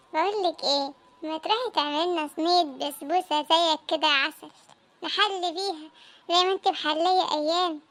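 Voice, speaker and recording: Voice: very high-pitched, a bit bright. Voice of a sweet-talking Egyptian cartoon husband. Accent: Egyptian Arabic. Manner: coaxing, sweet-talking, defensive. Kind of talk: cartoon comedy voice acting.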